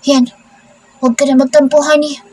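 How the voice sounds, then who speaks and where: A woman's voice: high-pitched, level tone, normal speed, a little mellow, close to an everyday voice. A woman voicing an irritable rich young husband in a storybook reading, with a curt, brusque manner that turns to teasing. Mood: tender teasing.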